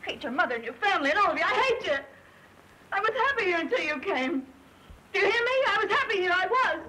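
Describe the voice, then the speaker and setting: An actress playing a troubled young woman, a former dancer, in an emotional 1930s film style that swings from quiet to shrill. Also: big pitch swings, quick pace, full character voice, low-quality recording. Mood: hysterical. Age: young adult. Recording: hissy 1930s film soundtrack.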